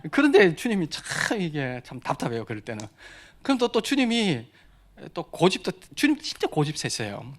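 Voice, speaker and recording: Animated male preacher telling his story. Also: fairly high pitch, moderate pace. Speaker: missionary preacher. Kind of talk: sermon testimony.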